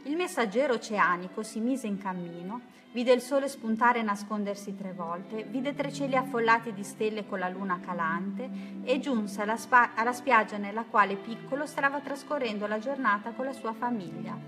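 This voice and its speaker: A woman reading a children's bedtime story aloud in a gentle, lilting way. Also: a little high, normal speed, hardly any pauses. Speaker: narrator. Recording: music playing behind.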